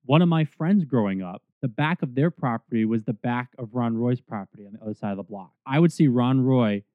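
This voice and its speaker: A man's voice: medium pitch, a little fast, dry recording. Podcast co-host, man in his 30s, chatty storyteller, thin phone-line audio. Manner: chatty storyteller, animated asides. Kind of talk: casual nostalgic chat. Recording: dry, tinny phone-like sound.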